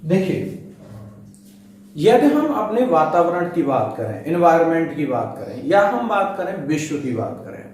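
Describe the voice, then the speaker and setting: Teaching Hindi grammar step by step in an online exam-prep class, a man speaks straight to his students in a voice on the high side, with big pitch swings, a little slow and darkish in tone. There's a little hiss or hum, the room is very echoey, and he's slightly distant from the microphone.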